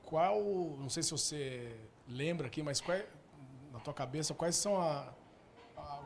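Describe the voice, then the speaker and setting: A man's voice: a little high, normal speed, noisy background. A man with a Brazilian Portuguese accent hosting a casual interview and asking short prompting questions. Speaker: talk show host.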